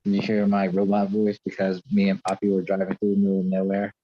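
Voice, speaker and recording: A man's voice: completely flat delivery, quick pace. Man with a robotic, distorted call voice. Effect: distorted robotic, lowered voice from a bad call connection. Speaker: guest on a video call. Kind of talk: casual chat. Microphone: phone on a video call. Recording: muffled, lo-fi video call line.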